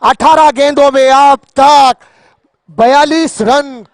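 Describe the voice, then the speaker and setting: Male cricket commentator, excited delivery, very high voice, dramatic poetic flourishes, dry sound. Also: slow, no room sound. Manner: theatrical, repeats phrases for emphasis; poetic, breaks into recited verse.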